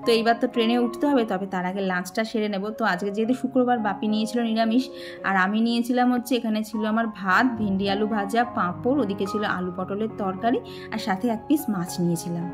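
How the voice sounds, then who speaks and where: A woman's voice: medium pitch, fast talker, over music. A young woman, chatting casually to her viewers in a vlog voice-over. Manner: chatty, addresses viewers warmly as "dear". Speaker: vlogger.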